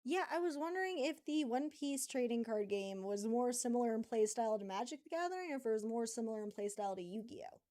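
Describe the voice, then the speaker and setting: A woman streaming a card game, chatting casually, reading viewer comments aloud, thinking out loud and laughing often. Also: fairly high pitch, fast, few pauses. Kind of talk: casual live-stream chat while playing a card game.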